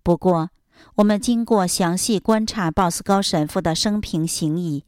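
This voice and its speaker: A woman with a fairly low voice reads a religious life story aloud in a steady, solemn, measured way. The sound is dry and close, with no room echo. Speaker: narrator of a religious biography. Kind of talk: scripted reading narration.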